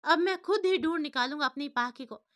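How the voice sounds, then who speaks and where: A woman voices a hot-tempered husband in a family drama. He shouts in anger, his tone bright and raised. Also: very high-pitched, moderate pace, pitched above the performer's own voice. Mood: furious. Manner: shouting, furious. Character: angry husband, adult man, hot-tempered.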